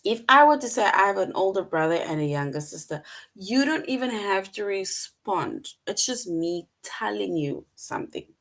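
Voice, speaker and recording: A woman's voice: mid-range voice, animated, normal speed, fairly bright tone. A woman teaching an online English lesson to young children, patient and repetitive, often checking in with "right?".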